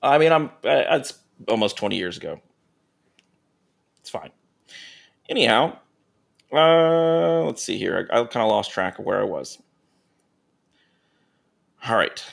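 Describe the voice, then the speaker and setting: A man co-hosting a comedy podcast, reading erotica aloud with deadpan asides and casual chat. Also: mid-range voice, unhurried, creaky, long pauses. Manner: deadpan asides between read passages. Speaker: podcast co-host reading stories.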